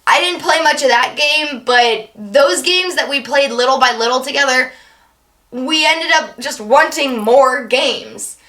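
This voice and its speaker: A young woman vlogger chatting casually to camera, her voice strained and tired, rambling with quick self-deprecating asides. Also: high-pitched, pushed and bright. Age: young adult.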